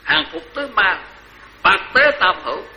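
An older man with a Southern Vietnamese accent, a senior Buddhist monk giving a lively, joking dharma talk that repeats phrases for emphasis. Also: high voice, a little slow, gravelly, highs cut off, a little hiss or hum.

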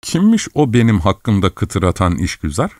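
A man's voice: lowish voice, wildly swooping pitch, normal speed, darkish tone, dry recording, clean studio sound, pitched above the performer's own voice. A man doing a cold, indifferent young lover. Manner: curt, cool, dismissive.

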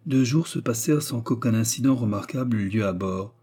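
Mellow, husky male storyteller. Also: mid-range voice. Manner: measured, storytelling. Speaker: narrator. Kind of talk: scripted audiobook narration.

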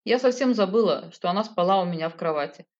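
A woman's voice: medium pitch, quick pace, a little mellow, lo-fi sound. Woman reading a first-person audiobook. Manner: emotional, bitter, sobbing at times. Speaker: audiobook narrator.

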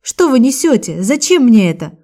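A woman's voice: a little high, sing-song, normal speed, dark tone, pitched above the performer's own voice. A woman voicing a young woman who is wrongly accused and pleads in a raised, tearful voice. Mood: desperate pleading.

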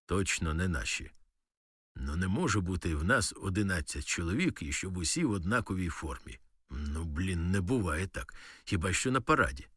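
A man voicing a gruff male frontline soldier in an audiobook, blunt and profane. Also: deep voice, animated, moderate pace, fairly bright tone, no echo, studio quality, full character voice.

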